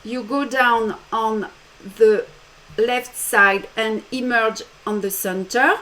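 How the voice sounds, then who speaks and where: A woman's voice: a little high, steady tone, drawn-out words, fairly bright tone. A woman with a French accent giving step-by-step embroidery instructions during a live demonstration, with small self-deprecating asides. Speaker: embroidery teacher.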